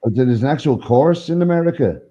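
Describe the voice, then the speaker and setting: A man's voice: on the high side, animated, fast talker, mellow, muffled recording. A man co-hosting a casual interview chat, laid-back, chiming in with short reactions and questions. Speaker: podcast co-host.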